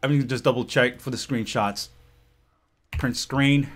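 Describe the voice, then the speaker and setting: A man giving live gameplay commentary, ranting in an exasperated, profane way that swings between shouting and low muttering. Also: fairly even intonation, normal speed. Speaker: gaming channel host.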